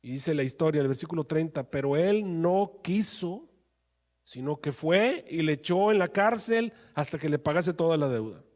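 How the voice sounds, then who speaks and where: A man's voice: on the high side, animated, normal speed, a little mellow. A male pastor preaching a sermon with passion, his voice rising into emphatic pleas.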